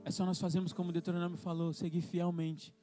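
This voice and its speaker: A young Brazilian man preaches in a church with a high, light voice, swinging between quiet storytelling and a fervent call to pray. Soft guitar plays faintly behind him. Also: level tone, quick pace. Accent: Brazilian Portuguese. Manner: storytelling, emotional, rising into fervent prayer call. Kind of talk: sermon with personal story. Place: church hall.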